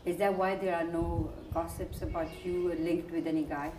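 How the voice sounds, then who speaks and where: A woman interviewer asking probing questions with quick follow-ups. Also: lowish voice, steady tone, roomy sound, background noise.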